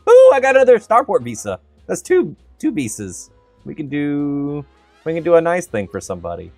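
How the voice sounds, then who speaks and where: With a fairly high voice that swoops wildly in pitch, a streamer from the Southern US talks at a normal pace, his tone a little mellow and the recording dry. His accent is neutral, and he rambles chattily about his game, full of fillers, with faint game music behind him.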